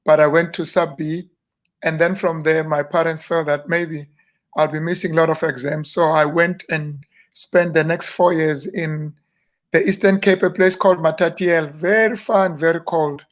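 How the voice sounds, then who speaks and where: A South African man in his fifties, a minister, telling stories about growing up in a relaxed, self-deprecating way during an interview. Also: fairly high pitch, normal speed. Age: 50s. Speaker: guest minister. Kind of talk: casual interview reminiscing.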